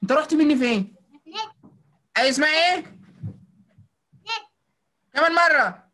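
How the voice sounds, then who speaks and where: Egyptian woman teacher on a video call, bright and encouraging, mixes English into her Arabic. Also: sits high, lively intonation, moderate pace. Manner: coaxing and praising, mixing in English words. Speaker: phonics teacher for children. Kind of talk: online class drilling children.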